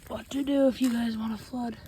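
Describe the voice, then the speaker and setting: A young woman with a cold, breathing heavily as she casually narrates a demonstration in short, halting remarks outdoors. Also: a little high, steady tone. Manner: halting, short offhand remarks with long pauses. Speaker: amateur video maker. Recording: noisy outdoor recording with clicks.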